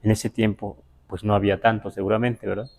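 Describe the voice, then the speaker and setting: A man from the Huasteca region of Mexico teaching a live online Nahuatl class, explaining words slowly with many fillers and check-in questions. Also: on the low side, level tone, gravelly. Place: Mexico City.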